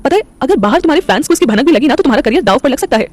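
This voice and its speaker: A woman's voice: high-pitched, animated, very fast, darkish tone, pitched above the performer's own voice. A woman doing a teasing young boyfriend. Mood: playful. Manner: playful, joking.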